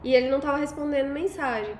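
A Brazilian woman with a high voice talks plainly and to the point with friends on a podcast. The home room rings with echo, and a faint hiss sits under it. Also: racing, darkish tone. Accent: Brazilian Portuguese. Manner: terse and matter-of-fact. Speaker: podcast co-host. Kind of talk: casual chat among friends.

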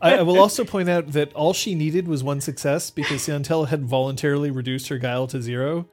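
A man's voice: on the high side, steady tone, a little fast, a little mellow, soft background music. A man acting as game master in a casual chat, with dry jokes.

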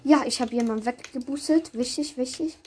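A woman with a fairly high voice commentates her own video game play in a casual way. She reacts aloud in short bursts as she plays. Noise and keyboard clicking sit behind her voice. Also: brisk, warm tone. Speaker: gamer commentating own gameplay. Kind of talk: casual live gameplay commentary.

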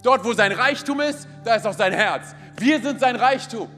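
Energetic high-voiced preacher in a hall. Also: male voice, moderate pace. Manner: energetic, calls out to the congregation. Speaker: pastor. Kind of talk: sermon. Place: large church hall. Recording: hall reverb with faint music.

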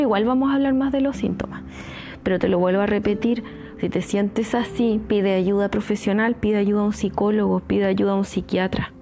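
A psychologist with a Chilean Spanish accent hosts a podcast, speaking casually and earnestly and repeating her advice to urge listeners on. Her voice is medium-pitched with a dark tone.

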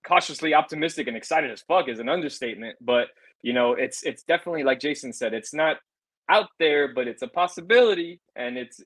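Husky dude on a sports podcast, hyped and swearing a lot, super dry close sound. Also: male voice, on the high side, no echo, poor audio. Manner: excitable, swearing, laughs often. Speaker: podcast co-host. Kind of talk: casual sports chat.

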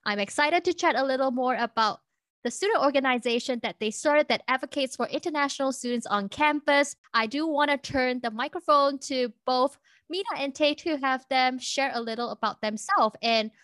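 A woman hosting an interview podcast, reading a scripted intro in a measured, polite way. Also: high voice, a bit bright, no room sound. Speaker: podcast host.

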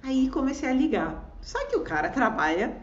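A woman with a fairly high voice tells a personal story in a casual chat, animated and quick to act out what people said and to laugh. The sound is echoey and a little dull, as if from a lo-fi recording. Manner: animated, acts out quoted voices, laughs often. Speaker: guest telling a personal story.

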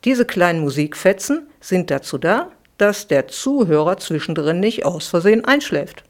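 Reading her own bedtime tale for a podcast, this middle-aged children's author sounds lively and expressive, her fairly low voice moving at a moderate pace.

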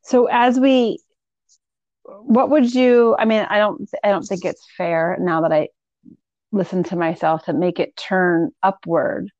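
A woman's voice: mid-range voice, steady tone, unhurried, darkish tone, no room sound, muffled recording. A woman from Philadelphia hosting a thoughtful conversation, searching for her words as she goes. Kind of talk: reflective conversation.

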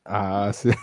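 A man's voice: medium pitch, a little mellow. A man with a Mexican accent, listening in a casual chat, laughing often and giving short reactions. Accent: Mexican Spanish.

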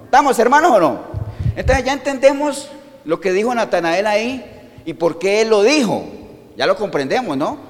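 A man's voice: sits high, expressive, moderate pace. A man preaching a sermon who keeps asking his congregation questions and waits for their answers. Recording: long reverb in a hall.

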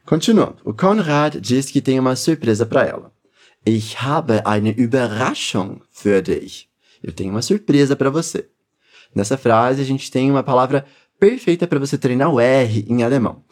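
A man with a Brazilian Portuguese accent leading a pronunciation lesson, encouraging learners and modelling words slowly for them to repeat. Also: medium pitch, expressive, a little mellow. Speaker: language teacher.

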